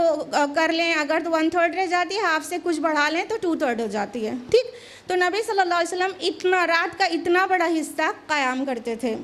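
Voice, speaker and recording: A woman scholar calmly answering religious questions in a Q&A talk, mixing in English terms. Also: very high-pitched. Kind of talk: religious Q&A explanation.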